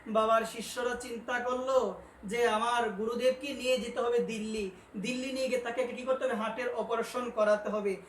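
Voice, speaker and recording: A man preaching a devotional sermon, questioning his listeners, addressing them as mother, and rising to loud, emphatic peaks. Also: very high-pitched, fairly even intonation, moderate pace. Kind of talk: devotional sermon with call-and-response. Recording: roomy, distant mic with faint noise.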